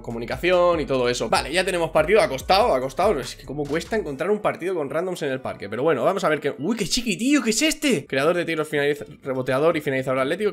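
A man giving excitable gameplay commentary, often shouting and laughing at big plays. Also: on the high side. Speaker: gaming youtuber.

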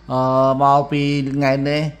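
A man in casual family conversation, answering politely and talking in halting bits. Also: mid-range voice, monotone, slight background noise.

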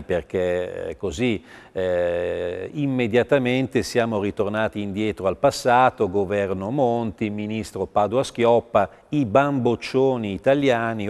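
A man's voice: on the low side, darkish tone, big-room sound. An older man giving news commentary in a TV studio, talking in a discursive, ironic way with many hesitations.

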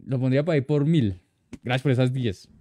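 A man's voice: mid-range voice, a little fast, dark tone. A man, streaming live and chatting casually, greeting and thanking viewers by name.

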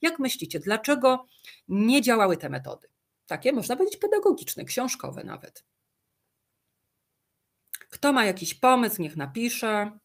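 A woman giving an online training lecture, explaining calmly with fillers, asides and questions to the participants. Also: on the high side, a little slow, long pauses.

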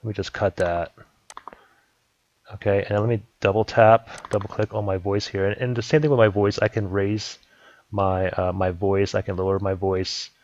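A man casually explaining a video editing program step by step, in a relaxed way. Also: fairly low pitch, normal speed, highs cut off, a little hiss or hum. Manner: relaxed step-by-step explaining, repeats "let me go ahead". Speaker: software tutorial host. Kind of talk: casual screen-recording tutorial.

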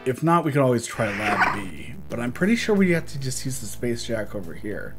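A man's voice: medium pitch, sing-song, a little fast, loud music behind the voice. A man giving casual, chatty gameplay commentary, talking to himself and laughing often. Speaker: let's play gamer.

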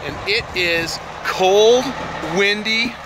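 A man's voice: sits high, extremely slow. A father chatting enthusiastically as he films his family's ride on an open mountain train. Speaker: father filming a family trip. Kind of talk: casual vlog narration. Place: open-sided mountain train car, outdoors. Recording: loud train and wind noise.

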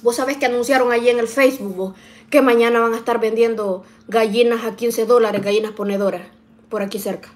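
A woman's voice: on the high side, steady tone, a little fast. Chatty woman vlogger. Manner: chatty, addresses viewers as "niñas", frequent "¿verdad?" tags. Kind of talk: casual chat while cooking. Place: home kitchen.

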